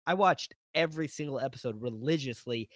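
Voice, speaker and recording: A man's voice: mid-range voice, brisk, no room sound. Conversational male podcast host, dry sound. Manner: conversational, asks follow-up questions. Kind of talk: casual interview chat.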